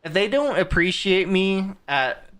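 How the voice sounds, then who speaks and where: His voice sits high and expressive, a little slow, somewhat bright and clean in tone. During casual live-stream commentary, this man reacts to clips, cracking crude jokes and laughing often.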